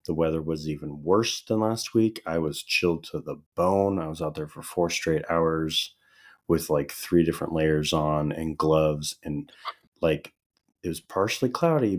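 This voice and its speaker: A very low-pitched man co-hosts a podcast, chatting casually and unhurriedly. His voice is slightly hoarse and dry, as if still recovering, and he tells stories in a relaxed way, laughing often.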